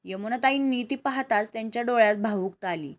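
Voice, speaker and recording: A woman narrating a family story in a calm, steady scripted reading. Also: on the high side, a little fast.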